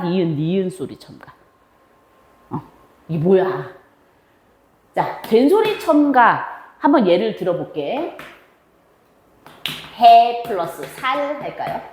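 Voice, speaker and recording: Lively-voiced woman teaching grammar. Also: medium pitch, reverberant, a little hiss or hum. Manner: asks and answers her own questions in a chatty, drawn-out teaching tone. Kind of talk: classroom lecture.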